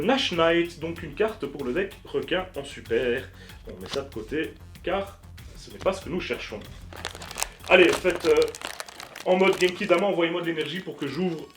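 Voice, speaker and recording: Chatty man joking over card packs. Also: on the high side. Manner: chatty, joking, casually crude, frequent fillers. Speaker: YouTuber opening card packs. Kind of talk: casual card-opening commentary.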